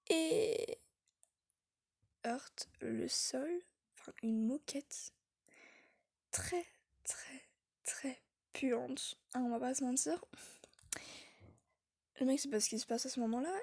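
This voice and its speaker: A high-voiced woman tells an eerie tale to her viewers, mostly whispering in a husky, breathy tone. Her delivery is chatty and self-mocking. The recording is dry and close. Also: slow pace, pauses often, darkish tone, dry recording. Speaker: youtuber. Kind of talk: casual storytelling.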